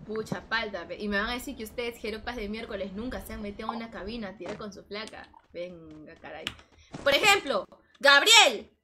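A young woman with a Peruvian accent, telling a story casually to her stream chat in a lively, slangy way. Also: medium pitch, fairly quick, noisy background. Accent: Peruvian Spanish. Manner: animated, slangy, lots of "hermano". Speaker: gaming streamer.

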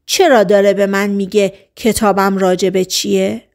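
A woman's voice: mid-range voice, level tone, creaky, darkish tone, close to an everyday voice. A woman reading the lines of a paranoid, hot-tempered grown man in an audiobook. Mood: agitated.

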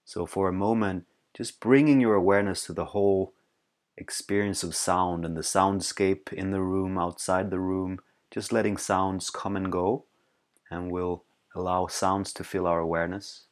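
A man whose voice sits low teaches a guided meditation, speaking calmly and unhurriedly with pauses between short, soothing phrases.

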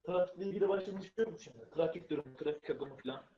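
A man's voice: on the high side, very fast, dark tone, husky. A man on a voice call, patiently walking a friend through router settings. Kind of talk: casual tech help. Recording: dull lo-fi voice call.

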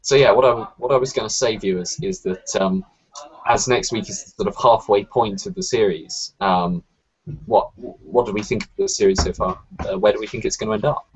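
A man's voice: lowish voice, a little fast. A man co-hosting a casual chat vlog, hesitant, with many fillers and restarts. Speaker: vlog co-host. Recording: dull lo-fi sound.

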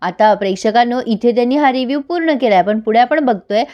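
A young woman with a fairly high voice tells a viewer what happened in a TV serial episode. She slips into the characters' quoted lines and keeps the story moving between them. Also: fast talker, highs cut off. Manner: lively retelling, voicing characters' quoted lines. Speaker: TV serial recap host. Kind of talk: storytelling recap of a soap episode.

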